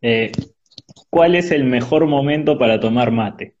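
Heard over a weak online call connection, the dull and choppy remote audio carries a male interviewer with a medium-pitched, slightly mellow voice. He is running a rapid-fire question round over video, asking brief, direct questions with filler pauses.

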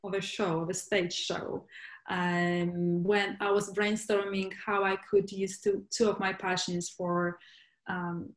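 A woman from Poland speaks as a guest in a casual interview, searching for her words with frequent fillers and restarts. Her voice sits at a middle pitch and rings in a noticeably echoey room. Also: flat delivery, slow.

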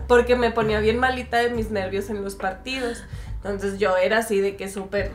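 A young adult woman, co-hosting a podcast in casual chat, telling lively stories and laughing often. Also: medium pitch, a little fast, roomy sound, faint music behind. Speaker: podcast co-host.

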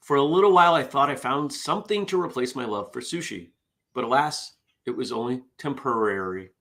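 A man's voice: medium pitch, lively intonation, fairly quick, fairly bright tone. A middle-aged man hosts a casual morning show, chatty and self-deprecating as he reads out corny puns. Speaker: host. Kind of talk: casual morning show chat, reading jokes.

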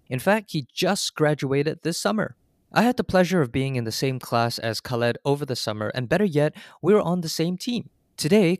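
A man's voice: mid-range voice, no echo, studio quality. A man co-hosting a student podcast, asking polished, semi-scripted interview questions. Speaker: podcast co-host.

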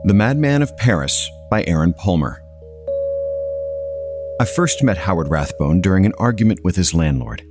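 A man narrating a scripted story in a measured way. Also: sits low, lively intonation, over music.

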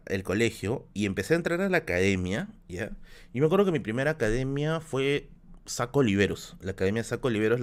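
A man, a streamer telling stories in casual chat, rambling with many restarts while sick with a bad flu. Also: mid-range voice. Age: 30s. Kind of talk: casual storytelling on a live stream.

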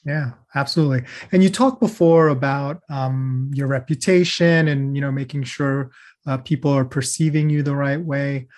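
A man's voice: medium pitch, fairly even intonation, normal speed, darkish tone. A man hosting a podcast interview, upbeat and friendly, moving from a scripted intro into casual questions. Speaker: podcast host.

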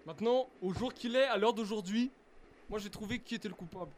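A man's voice: high-pitched, brisk, a little mellow, close to an everyday voice. A young man playing a pompous investigator. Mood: solemn. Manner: pompous, formal, mock-solemn. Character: pompous male investigator questioning suspects.

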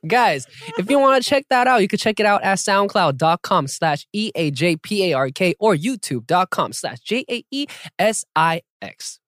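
A young man hosting a podcast in a playful, lively way, reading listener questions and chatting casually. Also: high voice, normal speed, few pauses, no room sound, clean studio sound. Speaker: podcast host.

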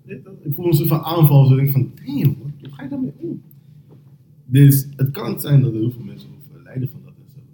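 A young man hosting a casual podcast chat, animated and slang-heavy, laughing often as he tells stories. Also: a little high, fairly quick. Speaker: podcast host. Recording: roomy echo, faint noise.

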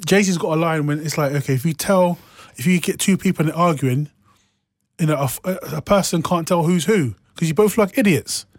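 High-voiced London man chatting. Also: a little fast, dry recording, studio quality. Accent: London, urban street English. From northwest London, England. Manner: repeats phrases for emphasis, slangy. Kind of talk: casual chat.

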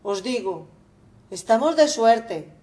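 A woman's voice: fairly high pitch, expressive, takes it slowly, warm tone, far from the mic. A woman voicing a sly male servant who hurries his master along in an urgent, conspiratorial way.

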